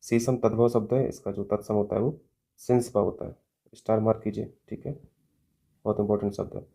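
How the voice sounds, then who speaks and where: This exam coaching teacher speaks briskly in a fairly low, mellow, creaky voice with a steady tone. Teaching Hindi grammar, he works through mock test questions step by step and frequently checks in with "theek hai" and "hai na."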